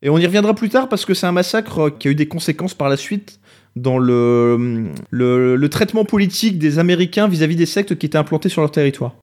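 A man's voice: fairly high pitch, fairly quick, darkish tone. A man co-hosting a podcast, telling grim stories with ironic understatement and plenty of fillers. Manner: ironic storyteller, understated jokes, many fillers. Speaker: podcast co-host. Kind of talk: joking podcast chat.

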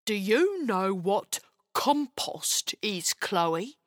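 A woman voicing a gentle, slightly gruff male ogre who explains things patiently. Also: mid-range voice, big pitch swings, very slow, no echo, studio quality, voice pushed down.

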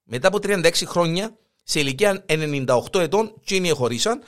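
Man, Cypriot Greek accent, host, comic gossip news, high lively voice. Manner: animated, jokey storytelling.

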